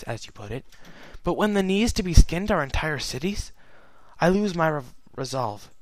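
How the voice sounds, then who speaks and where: A man's voice: on the high side, dry recording, natural voice. A man voicing a regal, sorrowful immortal pony princess, reading her letter in a solemn, earnest way. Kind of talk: fan fiction reading.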